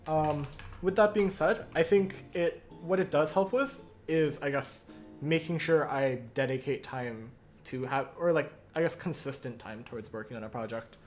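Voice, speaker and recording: Young adult live-coder, hoarse today, rambling and self-correcting, mid-pitched voice, light music underneath. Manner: thinks aloud, self-correcting, many fillers. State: hoarse, croaky. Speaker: streamer studying compilers. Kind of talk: casual live-coding narration.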